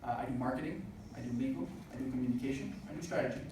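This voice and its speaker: His pitch medium and his intonation fairly flat, a man in his twenties races through a sincere motivational speech at a student business event. He uses "uh" often. It was recorded far off in an echoing hall amid noise.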